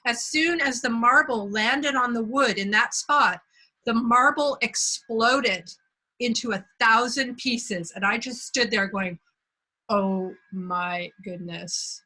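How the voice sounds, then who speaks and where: A woman from Belgium hosting a conversation, telling a personal story in a reflective, unhurried way. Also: a little high, bright, forceful tone, low-quality recording. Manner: reflective, unhurried, searching for words. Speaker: host.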